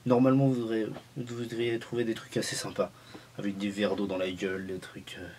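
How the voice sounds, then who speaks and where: A man's voice: on the low side, monotone, a little fast, darkish tone, slight background noise. A man vlogging at home in a casual, joking film review, rambling and restarting his sentences often.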